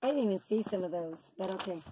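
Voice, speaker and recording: A woman in her fifties, a mother chatting casually in a family vlog, brisk and bossy with her kids. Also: mid-range voice, animated, warm tone, slight background noise. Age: 50s.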